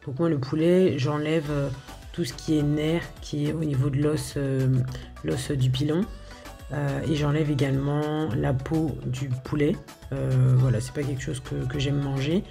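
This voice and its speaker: Soft music sits behind a home cook who narrates a video of her recipes in a casual, hesitant way, full of fillers and restarts. Her low, creaky voice is warm, her delivery flat, and her pace measured.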